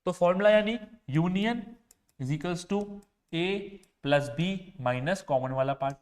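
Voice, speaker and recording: High-voiced man teaching a maths lesson. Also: takes it slowly. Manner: explains step by step, often asks students if they understood. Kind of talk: exam-prep classroom lecture.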